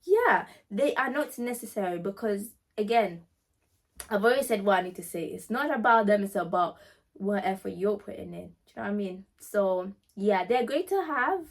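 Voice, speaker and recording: A woman with a mid-pitched voice talks casually to her audience as a vlog host. She addresses listeners directly and leans on repeated phrases to drive her points home, in an emphatic, conversational style. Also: expressive, normal speed. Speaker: pageant winner and vlog host answering questions. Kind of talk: casual chatty Q&A talk to viewers.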